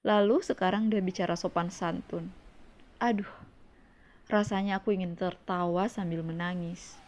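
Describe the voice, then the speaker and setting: A woman's voice: on the low side, steady tone, normal speed, darkish tone. A woman narrating a romance novel in the first person, with emotional, tense storytelling. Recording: dull lo-fi audio.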